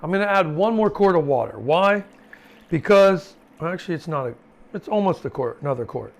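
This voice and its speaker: A man's voice: fairly high pitch, lively intonation, a little fast, vocal fry. A man, a chef, teaching a casual cooking class in a home kitchen, talking informally with lots of fillers and asides. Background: sizzling pan and chopping.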